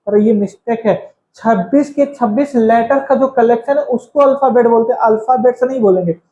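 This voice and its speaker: Speaking in an extremely high yet darkish voice, a man gives a grammar lesson in an echoey classroom. He calls his students kids, repeats each point and quizzes them.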